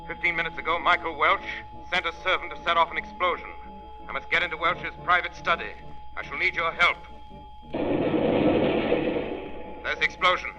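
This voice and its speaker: An actor playing a mysterious, taunting invisible avenger in theatrical 1930s radio style. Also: male voice, on the high side, quick pace, lo-fi sound, music in the background, close to an everyday voice. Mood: urgent. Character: mysterious, mocking invisible avenger, ominous male crime fighter. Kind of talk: 1930s radio drama acting. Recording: old 1930s radio recording.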